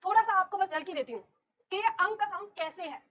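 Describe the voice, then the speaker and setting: A woman's voice: very high-pitched, lively intonation, fast talker, fairly bright tone. A woman teaching a Hindi grammar class, explaining step by step and putting questions to her students. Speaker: Hindi teacher for competitive exams. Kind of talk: classroom lecture on Hindi alphabet.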